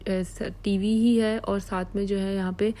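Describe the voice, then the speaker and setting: A woman's voice: medium pitch, flat delivery, a little slow, mellow, rough recording. A woman from Pakistan giving a chatty, affectionate vlog tour of her small apartment, repeating words like "pyari si". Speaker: vlogger.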